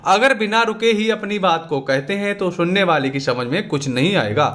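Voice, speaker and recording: Bright, high-voiced man tutoring exam questions. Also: animated, moderate pace. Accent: Hindi. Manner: conversational, repeatedly asks and answers own questions. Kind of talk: exam revision lesson.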